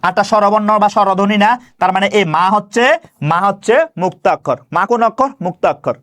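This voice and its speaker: A man teaching grammar, asking questions and answering them himself and slowly stretching out example words. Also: sits high, fairly bright tone. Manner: stretches words slowly when demonstrating pronunciation. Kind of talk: classroom-style grammar lesson.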